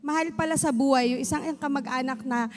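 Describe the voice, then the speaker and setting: High-voiced woman exhorting a congregation. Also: steady tone, fast. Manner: encouraging. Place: church hall. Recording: reverberant church hall.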